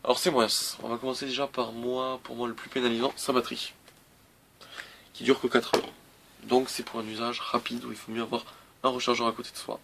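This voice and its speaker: A man's voice: medium pitch, level tone, fairly quick, vocal fry, a bit bright, a little hiss or hum. A man casually reviewing a laptop on camera, hesitant, with many fillers and restarts. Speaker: tech reviewer.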